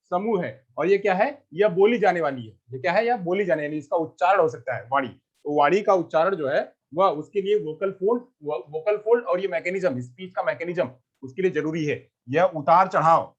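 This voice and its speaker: A man's voice: high-pitched, normal speed, breathy edge. A male teacher giving a lecture, asking questions and answering them himself, with lots of repetition. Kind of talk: classroom lecture. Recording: lo-fi muffled recording.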